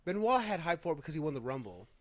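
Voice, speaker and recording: A podcast host, a man with a slightly high, racing voice and big pitch swings, chats casually about pro wrestling. He talks informally with some swearing and often circles back as he works out a thought.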